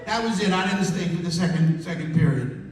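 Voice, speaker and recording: A man's voice: sits high, brisk, noisy background. A man telling profane stories at an open mic, acting out the dialogue. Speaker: stand-up comedian. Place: comedy club stage. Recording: echoey hall, distant mic, crowd.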